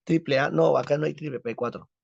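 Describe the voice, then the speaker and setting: A man's voice: fairly high pitch, quick pace, gravelly, husky, dry recording. A man teaching a literature class, who drills the students with questions and answers them himself. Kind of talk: recorded class lesson. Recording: dull lo-fi, dry.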